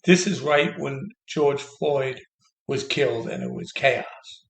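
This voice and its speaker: Gravelly man ranting in an echoey room. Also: medium pitch, slow pace. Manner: heated, sarcastic, mocking. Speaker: commentator. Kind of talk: political rant.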